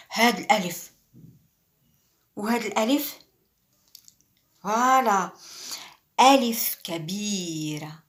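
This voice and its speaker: A woman teaching Arabic letter reading in a slow lesson, repeating sounds and switching between French and Arabic. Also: mid-range voice, a bit bright. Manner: slow, repetitive, enunciating each sound.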